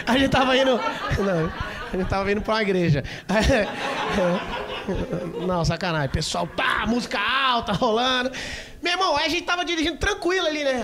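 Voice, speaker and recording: A male stand-up comedian with a Brazilian accent, telling a story in a rowdy, swearing way and acting out scenes with sudden shouts. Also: extremely high pitch, slight background noise. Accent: Brazilian Portuguese. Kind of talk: stand-up routine. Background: audience laughter.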